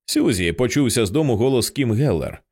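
A man narrating an audiobook in an expressive, tense storytelling style. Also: on the low side, fairly quick.

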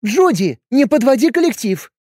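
A man voicing a hot-tempered, jealous young woman who scolds loudly. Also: very high-pitched, lively intonation, fairly quick, dry recording, clean studio sound, voice pushed up. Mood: indignant. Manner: scolding, loud and sharp.

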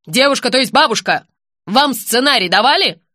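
A woman's voice: high-pitched, lively intonation, moderate pace, bright, forceful tone, no room sound, clean studio sound. A woman voicing an impatient, bossy female film director who barks orders. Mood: exasperated. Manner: commanding, exasperated.

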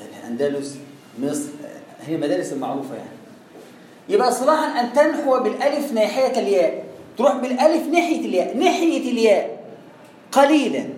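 A man's voice: high-pitched, darkish tone. Egyptian guy explaining tajweed, asks then answers himself, echoey room, bit of background hiss. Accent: Egyptian Arabic. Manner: patient, asks himself questions and answers, drawls out sounds to demonstrate. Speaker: Quran recitation teacher. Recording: echoey room, distant mic, faint noise.

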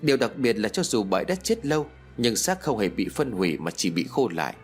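A man's voice: lowish voice, very animated, brisk, soft background music. A man reading a ghost story aloud in dramatic, scripted narration. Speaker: audiobook narrator.

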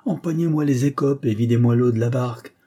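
A man voicing a gruff, weathered boat captain who barks orders at his crew. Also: medium pitch, fairly quick, mellow, lightly acted. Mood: defiant. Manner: brusque, barking orders.

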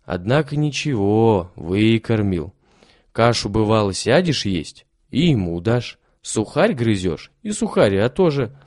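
A man's voice: fairly low pitch, very animated, a little slow, darkish tone, no echo, clean studio sound. A man voicing a timid, humble old soldier who talks meekly and gratefully in a storybook reading. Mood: reminiscing. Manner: meek, pious, grateful.

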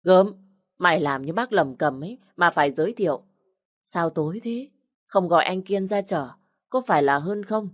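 A woman voicing a cheerful elderly village healer who teases warmly. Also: on the low side, animated, normal speed. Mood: jovial. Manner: jovial, teasing.

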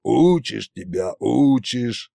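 A man voicing a grumpy old immortal tsar who scolds his adopted son in a low, weary, gruff voice. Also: sing-song, slow, a little mellow, no echo, clean studio sound, exaggerated voice. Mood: reproachful.

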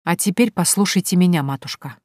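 A woman reading an audiobook, voicing a calm, firm young pregnant woman who speaks in a cold, measured way. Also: lowish voice, dry recording, clean studio sound, natural voice.

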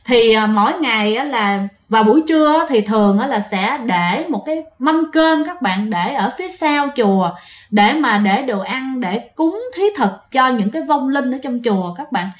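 A woman's voice: a little high, lively intonation, moderate pace, echoey room. A woman telling a ghost story casually, chatting directly to her listeners with lots of fillers.

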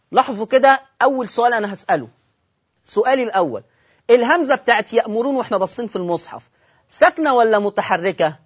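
A man's voice: high-pitched, breathy edge. Egyptian guy teaching quran recitation on tv, keeps asking the audience stuff, drawls the examples, kinda muffled sound. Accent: Egyptian Arabic. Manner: quizzes listeners, repeats key points, slows right down to recite examples. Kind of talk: televised recitation lesson. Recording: dull lo-fi broadcast audio.

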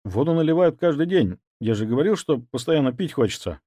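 A man's voice: a little high, expressive, fairly quick, mellow, breathy edge, no room sound, clean studio sound, voice pushed up. A man voicing a hot-tempered young nobleman who speaks sternly and threateningly. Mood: stern angry.

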